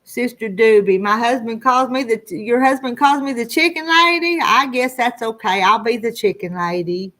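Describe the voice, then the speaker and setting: A woman in her sixties speaks animatedly and forcefully, her fairly high, bright voice moving at normal speed with hardly any pauses. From the Arkansas Ozarks foothills, she hosts a livestream, chatting casually in a rural Southern Ozark country accent with a rambling, homespun, folksy style.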